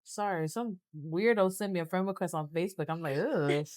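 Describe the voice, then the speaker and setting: A woman's voice: on the low side, a little fast, no echo, clean studio sound. A young woman co-hosting a podcast, telling stories in a casual chat and laughing often. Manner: animated storytelling, laughs often. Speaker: podcast co-host.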